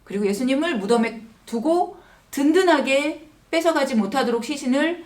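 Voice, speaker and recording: A woman teaching a gentle Easter sermon to children, asking them questions as she goes. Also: a little high, distant mic. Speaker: children's Sunday school teacher.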